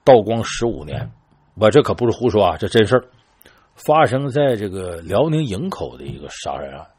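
A man telling an old crime story in a chatty, lively way, talking straight to his listeners and acting out the quoted lines. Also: lowish voice, normal speed, breathy edge. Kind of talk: casual spoken storytelling.

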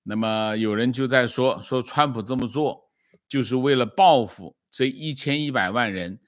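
A man giving spoken news commentary, with frequent drawn-out "ah" fillers and small self-corrections. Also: mid-range voice, no echo, studio quality.

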